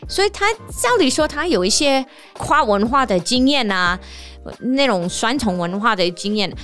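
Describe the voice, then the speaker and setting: A woman from the United States, a native English speaker, hosting a casual podcast monologue, telling stories in an animated way and laughing often. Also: fairly high pitch, moderate pace, faint music behind. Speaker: podcast host; teacher and performer.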